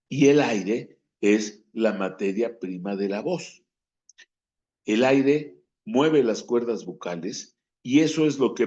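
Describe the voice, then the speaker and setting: A man's voice: fairly low pitch, warm tone. A man teaching a lesson on breathing and diction, stressing words and acting out phrasing as examples. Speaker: speaking coach. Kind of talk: instructional talk on voice and diction. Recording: dull lo-fi recording.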